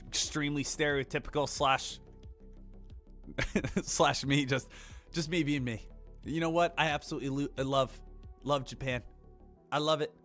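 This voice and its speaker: With a slightly high, somewhat bright voice, a man runs a day trading livestream. He banters casually with his viewers in a brash, crude, joking style.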